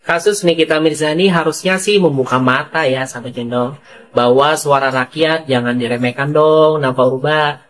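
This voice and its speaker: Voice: mid-range voice, normal speed. A narrator reading scripted gossip news commentary, rhetorical and addressing viewers directly.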